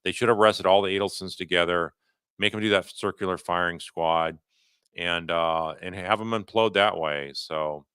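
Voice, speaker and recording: Hosting a livestream, a man offers unscripted legal commentary and takes viewer questions, speaking haltingly and conversationally and often rephrasing. His low voice sounds pushed and bright yet smooth, captured with studio quality and no room sound.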